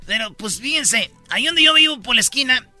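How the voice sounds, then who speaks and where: Bright, high-pitched Mexican man bantering as host. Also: animated, a little fast, faint music behind. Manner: joking, slangy, with mock-quoted voices. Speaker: show host. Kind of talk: comedic talk-show banter.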